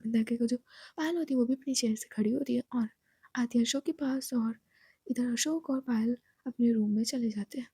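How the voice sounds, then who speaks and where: A woman tells a love story as a narrator, in a soft, half-whispered manner. Her voice is high, and her tone is mellow and dark. The recording is dry and close to the mic. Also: moderate pace, breathy edge, no room sound.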